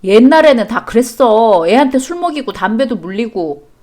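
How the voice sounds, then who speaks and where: A woman's voice: fairly high pitch, animated, moderate pace, darkish tone, natural voice. A woman doing a sulky, defensive young husband.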